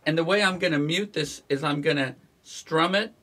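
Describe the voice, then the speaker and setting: A man teaching guitar strumming in a relaxed, instructional way, counting the beats aloud as he plays. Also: fairly high pitch, moderate pace, a little hiss or hum. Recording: guitar playing behind the voice.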